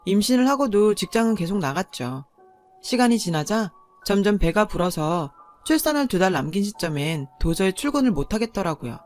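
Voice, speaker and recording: A woman in her thirties narrating a scripted first-person story in an even, confiding way. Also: mid-range voice, brisk. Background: faint background music.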